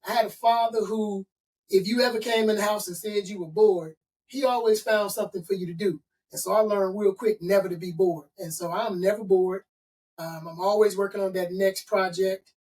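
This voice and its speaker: A middle-aged man from Chicago, USA, a consultant and author, is interviewed in a rough recording made from a distance. His high, darkish voice has fairly even intonation and normal speed, while he makes emphatic, motivational points in stacked lists.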